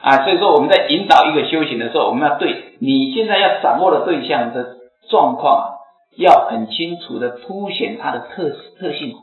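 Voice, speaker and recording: Slightly hoarse man giving a dharma talk. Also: fairly high pitch, lively intonation, fairly quick. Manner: explanatory, chants examples aloud. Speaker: Buddhist teacher. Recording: echoey phone-like lecture recording, faint music.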